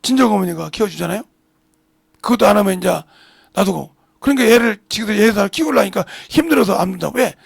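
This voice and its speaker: A middle-aged man preaches an animated sermon in a church and slips into voices for the people in his examples. His voice sits fairly high and is heavily gravelly and husky. The sound is dry and close, with little room around it. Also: fast talker, no echo. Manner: animated preaching, acting out family dialogue. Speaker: pastor. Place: church sanctuary.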